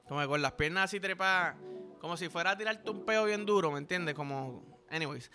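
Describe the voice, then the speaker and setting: Puerto rican guy riffing vulgar jokes, kinda high bright voice, music faint behind. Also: brisk. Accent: Puerto Rican Spanish. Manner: rambling, vulgar, joking, heavy slang. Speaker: podcast host. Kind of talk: crude comic monologue.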